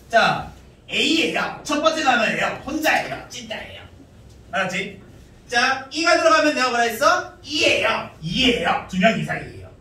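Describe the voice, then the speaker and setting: A man's voice: very high-pitched, pushed and bright, a little hiss or hum. A man teaching a middle school English grammar class, repeating points and quizzing students with rhetorical questions. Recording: echoey room, from far off.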